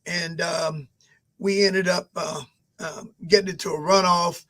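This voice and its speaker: A man in his sixties answering interview questions at a measured pace, with frequent pauses and fillers. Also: high voice, steady tone, pushed and bright. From Albany, Georgia. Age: 60s. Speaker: mayoral candidate guest.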